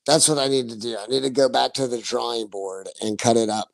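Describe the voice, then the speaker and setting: A man's voice: mid-range voice, fairly even intonation, fairly quick, creaky, no room sound. A man in his forties chatting casually on his livestream, rambling, laughing often and swearing freely. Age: 40s. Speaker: livestream host.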